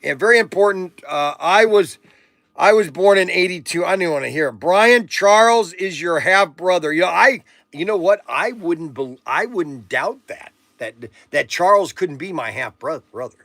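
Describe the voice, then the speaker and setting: A man's voice: high-pitched, lively intonation, normal speed, gravelly, fairly bright tone, no echo. A man in his sixties hosting a casual livestream, rambling and joking with viewers as he reads out their comments. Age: 60s. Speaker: livestream auction host.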